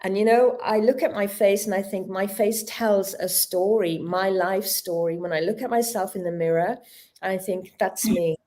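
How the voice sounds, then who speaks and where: Speaking at a normal speed with a mellow, mid-range voice, a woman in her fifties appears as a guest in a casual interview. She's a yoga teacher, earnest and reflective, though her numb mouth from a dental injection leaves her slightly stumbling and searching for words.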